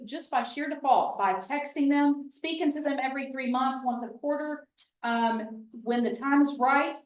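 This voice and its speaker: Woman, fairly high voice, folksy, emphatic trainer, distant mic, echoey meeting room. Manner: folksy, emphatic, chatty asides. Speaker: real estate trainer. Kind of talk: lively training talk to a room. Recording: roomy, from off the mic.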